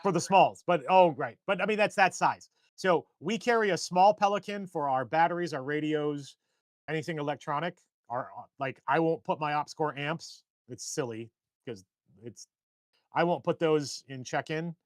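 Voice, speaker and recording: Brief: chatty male stream co-host, slightly high voice, dry close sound. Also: moderate pace, dry recording. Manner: rambling, animated storyteller. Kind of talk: casual chat. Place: indoors, a shed workshop.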